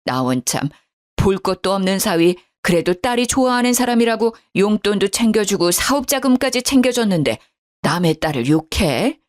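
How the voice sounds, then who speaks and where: A woman's voice: medium pitch, sing-song, moderate pace, close to an everyday voice. A woman voicing an older mother calling her daughter, worried and outraged on her behalf. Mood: indignant. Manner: agitated, indignant chatter.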